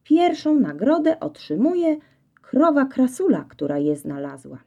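A woman voicing a wise old male horse in a storybook, who judges and lectures calmly. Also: high voice, measured pace, creaky, husky, lo-fi sound, pitched above the performer's own voice, heavily acted. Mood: instructive. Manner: calm, instructive.

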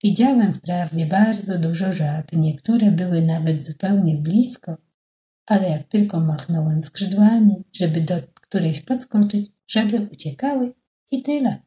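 A woman's voice: fairly low pitch, a little slow, dark tone, natural voice. A woman voicing a hungry, hapless male stork who complains plaintively, in an echoey room. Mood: complaining.

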